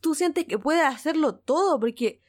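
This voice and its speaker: Mujer de voz algo aguda, acento chileno, relato casual entusiasta y repetitivo. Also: female voice, sits high, moderate pace. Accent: Chilean Spanish. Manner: excited, repeats words, laughs often. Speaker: guest. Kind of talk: casual storytelling.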